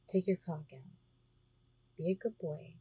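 Breathy low-voiced woman in hushed roleplay. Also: no room sound, poor audio. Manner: teasing, slips between soft talk and whispers. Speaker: audio roleplay performer. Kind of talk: intimate ASMR roleplay.

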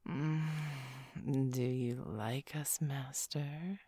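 Woman voicing a low breathy chained seductress. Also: steady tone, drawn-out words, mellow, no echo, studio quality, full character voice. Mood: seductive. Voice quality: breathy whispering. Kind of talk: erotic audio roleplay.

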